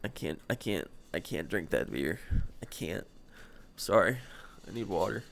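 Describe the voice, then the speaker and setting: A man's voice: low-pitched, lively intonation, measured pace, creaky, fairly bright tone, slight background noise. A man hosting a solo podcast, talking in a rambling, laid-back way with plenty of swearing, his nose stuffed up. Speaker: podcast host. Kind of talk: solo casual chat.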